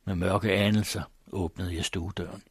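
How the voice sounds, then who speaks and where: A man narrating a classic literary story aloud in a measured, solemn manner. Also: low-pitched, steady tone, breathy edge, no room sound. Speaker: audiobook narrator.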